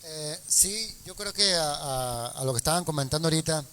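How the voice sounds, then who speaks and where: A man's voice: on the high side, animated, normal speed, a bit bright, long reverb tail. A man giving his view as a guest in a church panel discussion, hesitant at first, then emphatic.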